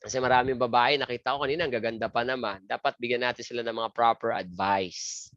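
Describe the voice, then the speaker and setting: A man's voice: medium pitch, steady tone, fast, a bit bright, dry recording. A man giving an exam review lecture, joking crudely and asking and answering his own questions. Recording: dry, muffled lo-fi lecture audio.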